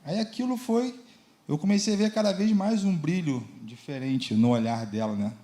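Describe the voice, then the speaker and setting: A man's voice: on the high side, moderate pace, dark tone. A man with a Brazilian accent telling his personal testimony at a church service, in plain storytelling style. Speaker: church member giving testimony. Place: church service before a congregation.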